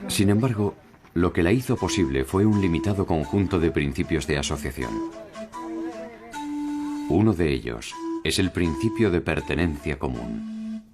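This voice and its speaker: A man giving slow, solemn scripted narration for a documentary. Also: sits low, expressive. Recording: music under narration.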